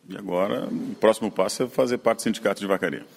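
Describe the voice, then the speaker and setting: Deep guy hosting a farm radio show, chatty interview questions. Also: fast, gravelly. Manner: conversational, leading questions. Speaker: rural radio program host.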